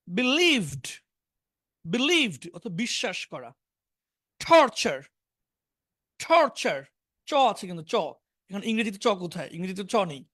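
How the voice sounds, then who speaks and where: A woman teaching a spoken English class, saying each word slowly and repeating it for learners. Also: a little high, fairly bright tone. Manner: drills words slowly, repeating each one.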